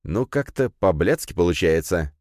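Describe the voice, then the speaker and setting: A man's voice: low-pitched, lively intonation, normal speed, darkish tone, no room sound, clean studio sound. A man doing a grumbling street henchman. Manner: grumbling, slangy. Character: gruff young male criminal henchman.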